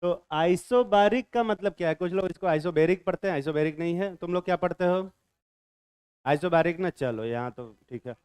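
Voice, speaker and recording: Man, chemistry teacher, classroom lecture, bantering quizzing, smooth clear voice, dry close sound. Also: sits high, brisk, hardly any pauses, darkish tone, dry recording. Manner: bantering, quizzes students and answers himself.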